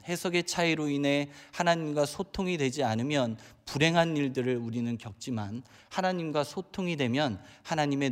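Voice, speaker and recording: Pastor preaching in a reverberant hall. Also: male voice, mid-range voice. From Chungcheong Province, Korea. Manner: storytelling, addresses the congregation often. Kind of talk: sermon with a humorous illustration.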